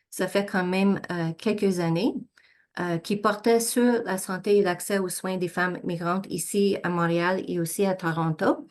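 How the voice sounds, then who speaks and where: A woman researcher presents study results in an academic talk, speaking on the low side. She moves through her slides in a measured way, often hesitating and correcting herself.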